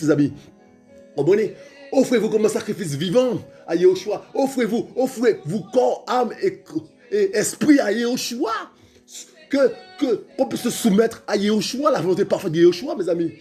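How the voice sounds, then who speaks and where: Male preacher, high voice, fervent and repetitive, faint music behind. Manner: fervent, repetitive, calls out to listeners, stammers, shouts at times.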